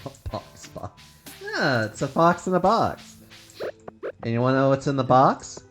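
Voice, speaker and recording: A woman's voice: extremely low pitch, very animated, measured pace. A woman streaming a game with casual chat, playful and sarcastic. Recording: music behind the voice. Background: music.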